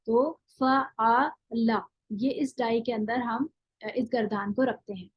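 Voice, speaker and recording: A woman's voice: a little high, fairly even intonation, normal speed, slightly rough, no room sound, muffled recording. A woman teaching Arabic grammar in a classroom lecture, explaining step by step, checking in with her listeners and drilling word forms one by one; her first language is Urdu. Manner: explains step by step, often checks with "thik hai".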